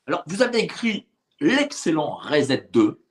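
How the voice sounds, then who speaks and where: A man's voice: fairly high pitch, very animated, moderate pace. A man interviewing a guest, asking his questions hesitantly with many fillers.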